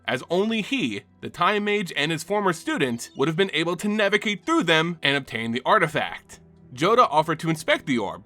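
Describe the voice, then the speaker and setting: Bright and forceful, on the high side, a man's voice delivers scripted fantasy lore for his channel. It's a theatrical, dramatic narration set over a bed of background music.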